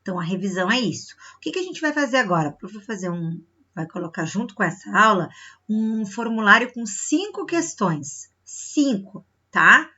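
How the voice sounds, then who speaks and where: A woman's voice: mid-range voice, sing-song, moderate pace, pushed and bright, husky, muffled recording. A woman teacher from Brazil, giving a recorded review lesson to children, explaining step by step and often checking in with short questions. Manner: stretches words to show the stressed syllable.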